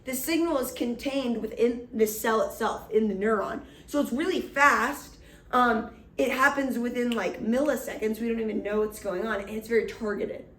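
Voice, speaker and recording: An energetic woman teacher giving an upbeat, chatty classroom lecture. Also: on the high side, normal speed, distant mic. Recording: echoey room.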